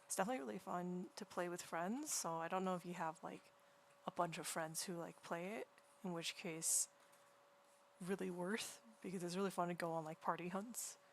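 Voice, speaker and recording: A woman livestreaming while she draws, chatting casually in a quiet, soft, near-whispered voice and rambling through many restarts. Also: lowish voice, moderate pace, vocal fry, slight background noise. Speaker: livestreaming artist. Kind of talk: casual chat while drawing. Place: home room beside a partner who is gaming.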